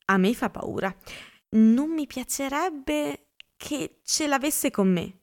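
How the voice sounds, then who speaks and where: A woman voicing a gossipy, excitable young woman in an audiobook, with a chatty manner. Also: high-pitched, takes it slowly, voice pushed up. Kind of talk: audiobook character reading.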